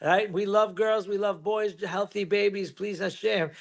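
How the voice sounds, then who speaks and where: Gravelly high-voiced rabbi teaching. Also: male voice, fairly even intonation, a little slow. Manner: conversational, with asides and rhetorical questions. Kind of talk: informal Torah lesson.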